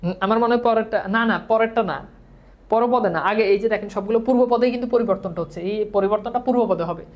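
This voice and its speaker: A woman's voice: a little high, fast talker, dull audio. A woman teaching grammar in a classroom lecture, leading students in call-and-repeat drills, mixing English words into her speech, and correcting herself patiently.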